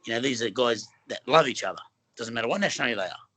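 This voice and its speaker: Racing along with lively intonation, a middle-aged Western Sydney man, an Australian film actor guest, rambles earnestly in a casual interview, filling gaps with fillers and restarting often. His voice is medium-pitched, pushed, and bright.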